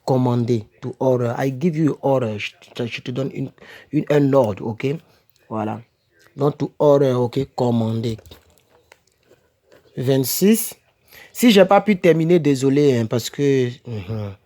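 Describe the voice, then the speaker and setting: A man with a mellow, medium-pitched voice speaks at a measured pace. He's an English teacher for French speakers running a casual home-made vocabulary lesson, repeating words, correcting himself as he goes, and checking in with "ok?" and "n'est-ce pas?".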